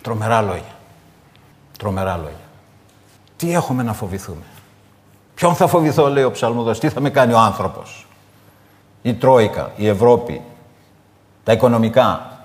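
A male preacher giving a sermon, moving between solemn scripture reading and animated, folksy storytelling with asides to his congregation. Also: medium pitch, long pauses, long reverb tail.

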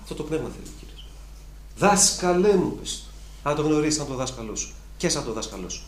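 A man's voice: medium pitch, lively intonation. A man preaching a sermon, emphatic and repetitive, building to fervent peaks. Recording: echoey room with faint ambience.

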